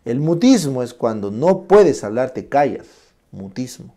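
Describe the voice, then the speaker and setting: A man giving a classroom lecture, naming terms slowly, acting out examples and checking in constantly with short tag questions. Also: mid-range voice, big pitch swings, mellow.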